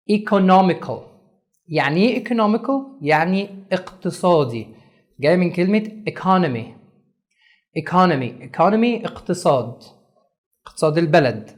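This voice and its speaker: An Egyptian man teaching an English lesson for beginners in a very animated voice that swings up and down. He explains in Arabic, then sounds out English words slowly and with heavy stress on each syllable. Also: high-pitched. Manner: slow, over-stressed English pronunciation drills.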